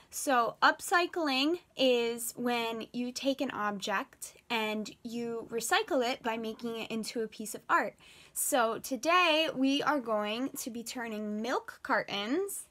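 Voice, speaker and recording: A woman's voice: on the high side, bright, forceful tone. A woman presenting a craft tutorial for children as an art teacher, in the cheery manner of a kids' host.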